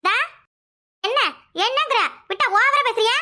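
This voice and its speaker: A woman voicing a fiery, quarrelsome young wife in a cartoon, scolding quickly and repeating her lines. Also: extremely high pitch, sharp tone, exaggerated voice. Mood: angry, scolding. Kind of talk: cartoon voice acting.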